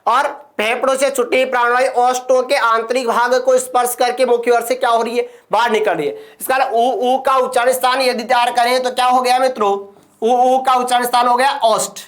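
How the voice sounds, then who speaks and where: A man's voice: very high-pitched, flat delivery, fairly quick, a bit bright. A male teacher gives a classroom grammar lecture. He keeps asking his students questions and then answers them himself.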